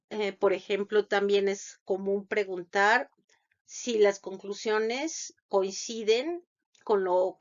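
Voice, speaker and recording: Slow, halting woman lecturing. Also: medium pitch. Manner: halting, many fillers and restarts. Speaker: lecturer on thesis defense. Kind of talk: unscripted lecture. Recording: dull lo-fi sound.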